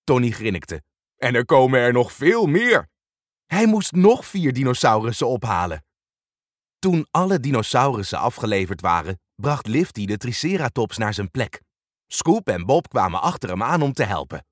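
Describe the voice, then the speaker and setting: Lively man reading a children's story. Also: mid-range voice, moderate pace, dry recording, clean studio sound. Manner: animated, expressive reading. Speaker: narrator. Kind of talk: storybook narration.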